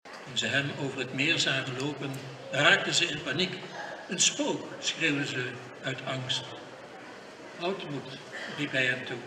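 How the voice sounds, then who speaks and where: Older priest preaching in an echoing church. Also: male voice, mid-range voice, fairly even intonation, normal speed. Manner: solemn, reads scripture aloud. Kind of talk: funeral sermon. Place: church during funeral service. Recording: echoey hall from far off, noisy.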